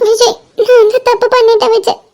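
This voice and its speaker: A woman's voice: very high-pitched, little pitch movement, normal speed, a little mellow. A woman voicing a tearful young woman in a fan-made cartoon, crying and pleading for forgiveness.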